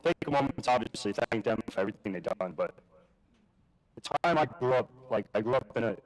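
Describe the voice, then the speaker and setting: Speaking at a live event, this Queens man from Jamaica, New York, an adult who has a daughter, shares a personal story in a casual way full of fillers, false starts and swearing. His voice is on the low side, expressive and quick, captured on a rough recording.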